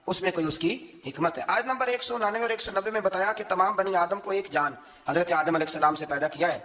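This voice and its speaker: Chuckling preacher, high voice. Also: male voice, bright, forceful tone. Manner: storytelling with frequent chuckles; mixes in recited verse and couplets. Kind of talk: sermon.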